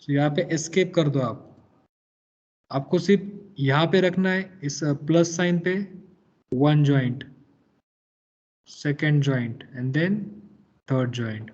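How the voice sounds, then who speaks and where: A man teaching a software lecture to engineering students, explaining patiently step by step, switching often between Hindi and English and quizzing the class. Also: fairly high pitch, slow pace, long pauses, highs cut off.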